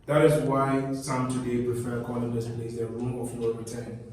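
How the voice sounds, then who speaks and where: A man's voice: medium pitch, level tone, moderate pace, darkish tone. A man working as a tour guide, explaining a historic site as he leads visitors through it. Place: inside stone castle cells and passages. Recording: echoey stone chambers, distant mic, clear background noise.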